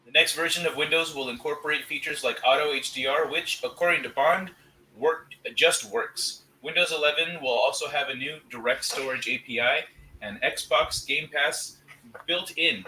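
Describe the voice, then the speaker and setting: A man co-hosting a casual tech show who reads the news aloud haltingly and repeats phrases, his voice tinny as if inside a metal can. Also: on the high side, pushed and bright, slight background noise. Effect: tinny tin-can sound from mic placement. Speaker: co-host.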